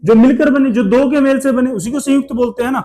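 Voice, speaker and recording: High-voiced Hindi teacher quizzing a class. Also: male voice, fast, warm tone. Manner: asks the class questions and drills pronunciation. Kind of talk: classroom lesson.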